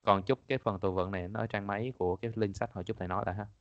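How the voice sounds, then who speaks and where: A man's voice: fairly low pitch, fairly even intonation, racing, no room sound. Man teaching, dull lo-fi audio. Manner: casual, chatty, repeats points, laughs often. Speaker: English teacher. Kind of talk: online exam-prep class.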